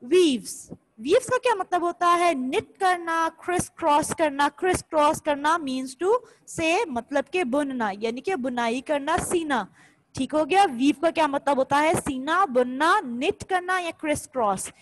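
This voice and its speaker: A woman's voice: high-pitched, animated, unhurried, poor audio. A woman teaching a class in a patient step-by-step way, often checking "theek hai?" and switching between Hindi and English. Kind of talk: recorded classroom lesson.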